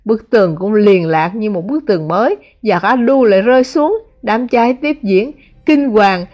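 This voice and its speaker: A woman narrating a translated novel as an audiobook, in a measured, dramatic reading. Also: medium pitch, animated, darkish tone. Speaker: audiobook reader.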